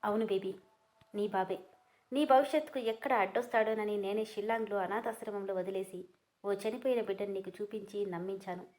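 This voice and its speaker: A remorseful father speaks softly and soothingly to his upset daughter in a storybook, read by a woman narrator. His tone is calm, apologetic and steady. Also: medium pitch, a little fast, natural voice. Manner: gentle, soothing.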